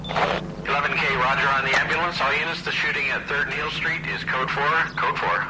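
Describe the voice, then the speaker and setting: A man's voice: a little high, flat delivery, moderate pace, very noisy. An actor playing a male police dispatcher heard over a police radio, reading out calls in clipped, procedural code talk. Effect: police radio transmission.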